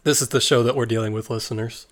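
A man's voice: medium pitch, fairly even intonation, fast. A man hosting a podcast in casual chat, talking loosely with frequent restarts. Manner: loose, rambling, stumbles and restarts. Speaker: podcast host.

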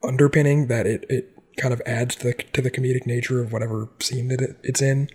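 A man's voice: mid-range voice, level tone, fast, darkish tone, breathy edge. Chatty male podcast co-host. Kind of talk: casual chat.

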